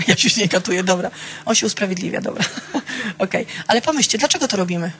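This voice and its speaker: A woman's voice: medium pitch, fast, a little hiss or hum. A woman teaching a small church group in a conversational way, asking questions, calling listeners by name and sharing candid personal stories. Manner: conversational, keeps checking in with "tak?".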